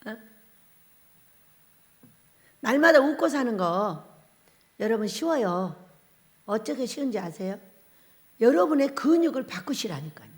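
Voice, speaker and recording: A woman pastor preaching a revival sermon, animated and laughing often as she puts questions to the congregation. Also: fairly high pitch, a little slow, long pauses.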